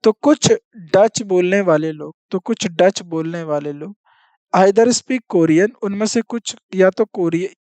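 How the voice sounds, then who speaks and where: A teacher giving an exam-prep lesson who repeats each point, reads statements out slowly and keeps checking in with the class. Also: mid-range voice, a little mellow, dry recording. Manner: reads out English statements slowly, then explains them in Hindi.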